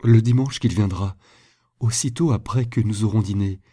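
A jealous, remorseful young lover from a storybook as a man reads him speaks in a low, dark voice. His delivery is emphatic and pleading, and it pushes louder than the narration. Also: normal speed, natural voice. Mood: insistent.

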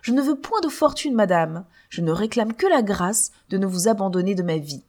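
A woman's voice: mid-range voice, lively intonation, moderate pace, darkish tone. A woman reading an audiobook, voicing a devoted young girl under eighteen who pleads in a tearful, imploring way. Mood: pleading.

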